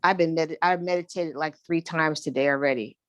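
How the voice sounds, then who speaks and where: Deep-voiced woman, calm and reflective. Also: no echo, muffled recording. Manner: slow, reflective, loosely rambling. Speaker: meditation group participant. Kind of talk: casual sharing on a group video call.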